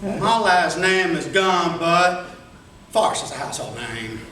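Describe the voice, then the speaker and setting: A man voicing a friendly, simple-minded young fellow in a folksy tall tale, with an earnest, halting delivery. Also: high voice, lively intonation, bright, forceful tone, pitched below the performer's own voice, full character voice. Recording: echoey, noisy room, distant mic.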